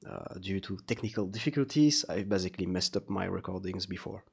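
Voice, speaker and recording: Low-voiced, halting man with a slightly sore throat. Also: creaky, slightly rough. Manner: halting, searching for words. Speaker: vlogger, artist. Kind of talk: casual confessional vlog monologue.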